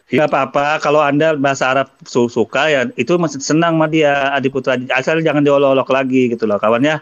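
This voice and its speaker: Calm, defensive man in dry lo-fi chat. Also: medium pitch, quick pace, no echo. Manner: calm, defensive, calls himself by his own name. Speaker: debater in online voice chat. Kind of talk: casual debate.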